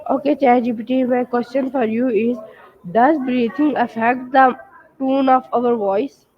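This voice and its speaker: A woman with a fairly high voice hosts an interview with an AI chatbot, asking casual, unscripted questions. Her recording sounds dull and lo-fi. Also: steady tone, a little slow.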